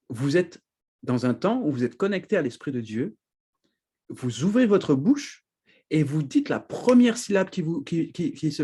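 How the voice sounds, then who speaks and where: A man preaching a teaching sermon, animated and lively, often laughing and checking in with his listeners. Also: medium pitch, husky.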